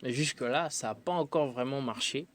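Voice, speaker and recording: Here a male musician from the Democratic Republic of the Congo is interviewed on radio, talking a little fast at medium pitch. His replies are reflective yet halting, peppered with fillers.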